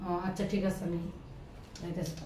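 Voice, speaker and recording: Brief: woman doing a soft, lower-pitched husband, wheedling and pushy, home skit, faint room hum behind. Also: little pitch movement, brisk, lightly acted. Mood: ordering. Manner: soft-spoken, wheedling, insistent. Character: scheming young husband begging wife for money. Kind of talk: skit acting.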